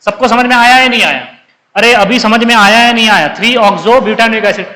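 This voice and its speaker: Bright high-voiced male chemistry teacher. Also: a little fast, in a large hall, poor audio. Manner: keeps checking if students understood; calls students 'beta', coaxing. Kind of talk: live online class lecture.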